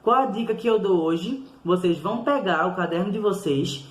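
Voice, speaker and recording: A man, a primary school teacher giving a recorded lesson to children, patiently repeating each sound slowly and clearly. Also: sits high, echoey room.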